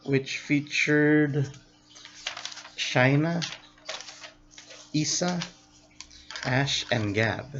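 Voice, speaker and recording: A man, a vlogger, giving a casual review of show episodes, unhurried and thinking aloud. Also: mid-range voice, fairly bright tone, lo-fi sound.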